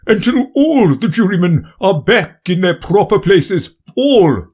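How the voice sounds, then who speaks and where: A man voicing a pompous, fretful king in a storybook reading, slow and grave. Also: sits high, animated, a little mellow, voice pushed up.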